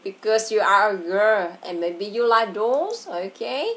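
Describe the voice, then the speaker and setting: A woman's voice: medium pitch, animated, slow pace. A woman with a Vietnamese accent teaching English to a child over a video call, patient and coaxing, repeating words for the child. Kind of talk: online tutoring a child.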